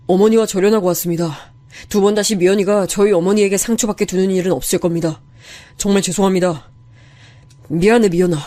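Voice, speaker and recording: A man's voice: high voice, steady tone, fast, warm tone, lightly acted. A man playing an earnest young husband who pleads and apologizes to his wife. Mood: pleading.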